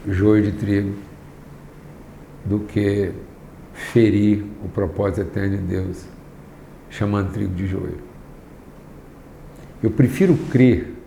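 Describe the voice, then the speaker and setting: Gravelly man preaching slowly and emphatically. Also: lowish voice. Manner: slow and emphatic, swings from raised to hushed. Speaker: pastor teaching a class. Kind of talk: sermon. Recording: echoey room, faint background noise.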